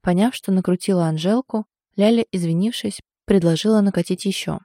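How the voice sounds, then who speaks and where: A woman narrating an audiobook in a steady, expressive storytelling manner. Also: medium pitch, fairly quick, no room sound, studio quality.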